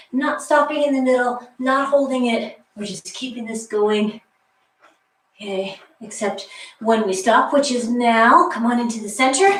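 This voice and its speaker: A woman's voice: fairly high pitch, a little hiss or hum. A woman leading a live workout from a basement, her voice echoing in the room. She is chatty, calling out moves between asides. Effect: echoey room sound. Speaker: fitness instructor. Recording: echoey basement room, voice far from mic.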